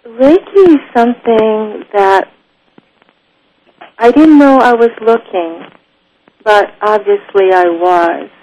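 A woman from Japan, a guest in an interview, speaking thoughtfully and pausing often. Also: mid-range voice, darkish tone, muffled recording. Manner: slow, thoughtful, often pauses with ums. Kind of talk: unhurried spoken interview.

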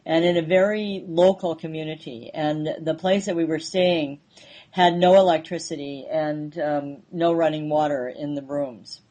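A woman hosting a conversational interview, speaking hesitantly with frequent pauses and fillers. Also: low-pitched, fairly even intonation, mellow. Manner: hesitant, many ums and pauses.

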